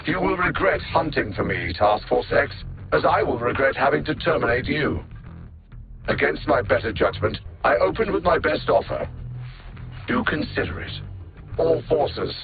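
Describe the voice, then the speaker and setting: A male actor voices a cold, arrogant alien machine-intellect supervillain in a video game, haughty and sardonic with deliberately theatrical enunciation. His slightly high voice is very animated with vocal fry, passed through a narrow, synthetic radio-like filter over game music.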